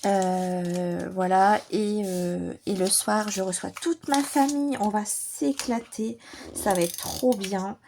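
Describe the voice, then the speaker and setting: A French woman chats enthusiastically through a casual vlog, her voice dark and slightly hoarse from a lingering bronchitis. She fills her talk with little hesitations and warm exclamations. A faint background hiss sits under the recording. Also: medium pitch, fairly even intonation, takes it slowly. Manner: chatty, enthusiastic, many fillers. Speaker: adult coloring vlogger.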